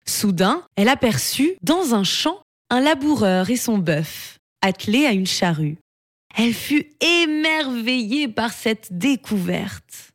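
A woman narrating a children's story in a slow, expressive reading voice. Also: on the high side.

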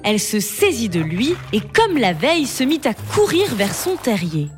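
A woman storyteller reading a bedtime fable aloud in a slow, expressive way. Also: fairly high pitch, soft background music.

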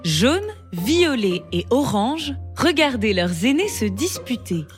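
A woman narrating a children's story in an expressive, melodic reading. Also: on the high side, slow. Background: background music.

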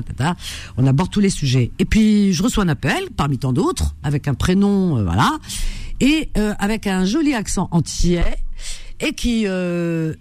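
A woman hosting a radio call-in show, animated and teasing, laughing often with callers. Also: mid-range voice, dry recording. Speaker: radio host. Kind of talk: lively radio call-in chat.

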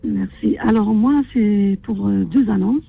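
An older woman from Morocco calling into a radio show, speaking in a halting, hesitant way with frequent apologies. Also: medium pitch, gravelly, slightly rough, phone-quality sound, soft background music. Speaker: caller. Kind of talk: phone-in chat.

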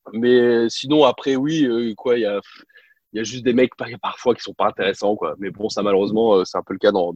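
A French man telling lively anecdotes in a casual interview, with lots of fillers and restarts. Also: mid-range voice, slightly rough, no echo, dull audio. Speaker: guest, former basketball reporter.

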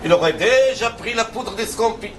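An earnest, insistent father with a fairly high, lively male voice. He instructs step by step and repeats himself. It is a film comedy scene with faint noise behind. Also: normal speed. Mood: earnest instructing. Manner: emphatic, repetitive instructing. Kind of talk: naturalistic film comedy acting.

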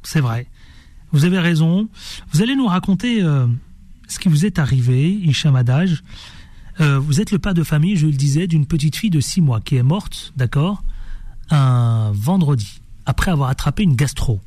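A man hosting a radio show, talking in a playful, animated way and jumping from topic to topic. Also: fairly high pitch, normal speed, no echo. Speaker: radio host. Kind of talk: lively radio show chat. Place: radio studio.

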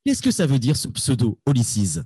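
A man hosting a music podcast, delivering prepared introductions and questions in a smooth, scripted way. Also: medium pitch, wildly swooping pitch, normal speed, warm tone, dry recording, studio quality. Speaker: host. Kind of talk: scripted radio-style questions.

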